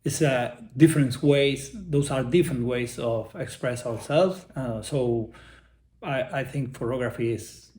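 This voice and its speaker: This interview guest, a middle-aged Argentine artist, has a mid-range, darkish voice and an Argentine Spanish accent. Speaking English as a second language in a casual conversation, he halts, searches for words and restarts frequently. The room is echoey, with slight background noise.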